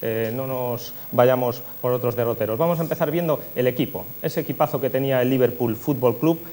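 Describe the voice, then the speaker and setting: Presenting a football retrospective, a host from Spain walks through results and match action in a conversational way. He speaks briskly at medium pitch with a warm tone, and electrical hum adds noise to the recording.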